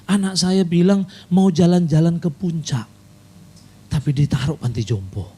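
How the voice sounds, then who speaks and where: A man's voice: on the high side, normal speed, mellow, husky. Plaintive, stubborn elderly woman, as quoted by a male preacher.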